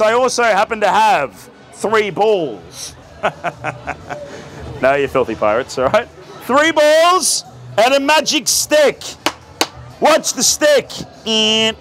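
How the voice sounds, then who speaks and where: A man's voice: sits high, fairly bright tone. An Australian man in his thirties performing as a theatrical street magician, projecting and joking to an outdoor crowd. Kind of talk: live street magic show patter to a crowd. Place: outdoor night street market with onlookers. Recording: outdoor camera, crowd and music behind.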